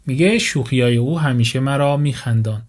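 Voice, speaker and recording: A man giving a vocabulary lesson at a mid-range pitch. He reads each example sentence slowly and clearly, then switches to brisk explanations. The tone is steady and patient. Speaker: English teacher.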